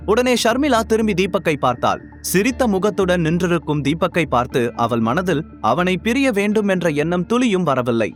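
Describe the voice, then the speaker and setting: Male storyteller, fairly high voice, steady scripted read, soft music behind. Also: normal speed. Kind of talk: scripted audio drama narration.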